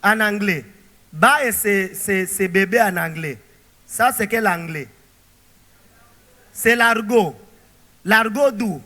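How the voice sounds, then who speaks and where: A male pastor preaching a sermon, animated and throwing rhetorical questions to the congregation. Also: high voice, takes it slowly, long pauses, in a large hall.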